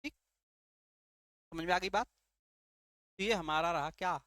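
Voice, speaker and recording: Speaking a little slowly, this high-pitched man has a sharp tone, recorded at studio quality with no room sound. He's a teacher running an exam-prep class, asking himself rhetorical questions, answering them, repeating key terms, and checking in with "ठीक है".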